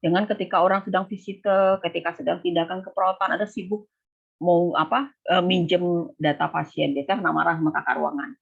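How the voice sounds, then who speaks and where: A middle-aged woman lecturer giving nursing students an online briefing, animated and acting out quotes from students and lecturers in a higher voice. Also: gravelly. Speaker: nursing lecturer and thesis coordinator. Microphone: video call. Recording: tinny phone-like online call audio.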